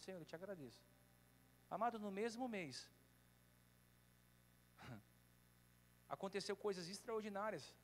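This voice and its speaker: A man from Brazil preaching a sermon as a bishop, telling stories and acting out the lines of the people in them. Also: sits high. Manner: storytelling, acts out dialogue with mock voices. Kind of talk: sermon with humorous anecdotes. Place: church hall. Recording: echoey hall with faint hum.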